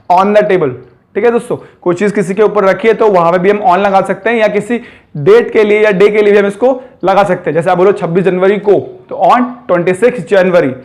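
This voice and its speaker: A young man with a high voice gives an English grammar lesson. He talks to his viewers as friends and keeps checking in with them. He slows down and says each English example with care. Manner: addresses viewers as friends, repeats "theek hai" often. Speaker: English teacher. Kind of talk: spoken grammar lesson in Hindi.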